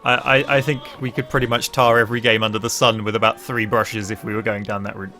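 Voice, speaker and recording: A man's voice: on the low side, fast talker, soft background music. Dry-humored young male streamer. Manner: dry, deadpan jokes. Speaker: streamer and game commentator. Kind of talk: casual gaming chat.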